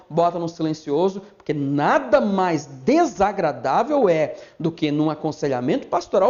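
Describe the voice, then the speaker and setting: Animated Brazilian pastor, high voice. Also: male voice. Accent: Brazilian Portuguese. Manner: folksy, animated, acts out little scenes. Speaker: pastor teaching a course. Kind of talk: video lesson. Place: indoors, seated before a camera. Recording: dull lo-fi sound.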